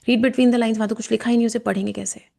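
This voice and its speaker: A woman teaching a guided meditation, explaining chakras in a calm, slow way and softly chanting devotional verses, sometimes in a whisper. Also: fairly high pitch, gravelly. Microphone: camera and mic in front of her.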